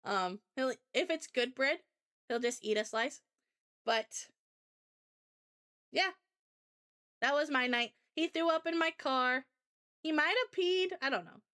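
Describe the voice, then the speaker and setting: A woman's voice: high voice, expressive, takes it slowly, pauses often, bright, forceful tone, clear, resonant tone. A woman streamer casually telling a rambling, chatty anecdote to her viewers. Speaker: VTuber streamer. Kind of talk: casual storytelling chat.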